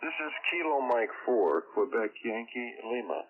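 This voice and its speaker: A man, an amateur radio operator, calling CQ over ham radio from a home radio station, slowly spelling out his call sign in the phonetic alphabet. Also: mid-range voice, very animated, phone-quality sound, a loud crowd.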